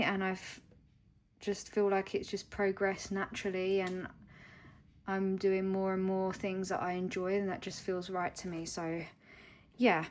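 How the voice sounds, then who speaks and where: Young woman, from England, casual vlog to camera, slow and halting, heartfelt, lots of ums. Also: medium pitch, a little mellow, a little hiss or hum. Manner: hesitant and heartfelt, many ums and pauses. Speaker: vlogger.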